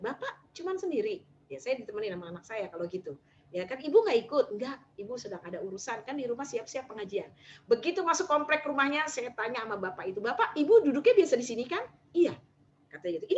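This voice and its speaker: Woman preacher telling a story on a video call, high voice, bouncing all over the place, a bit muffled. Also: a little hiss or hum. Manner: animated, acts out dialogue in her story. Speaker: religious teacher. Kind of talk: storytelling in an online religious talk.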